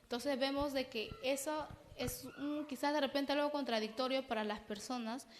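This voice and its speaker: Higher-voiced Peruvian woman psychologist, echoing. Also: steady tone, moderate pace, slight background noise. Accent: Peruvian Spanish. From Peru. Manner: explanatory, keeps checking in with "¿no?". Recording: long reverb.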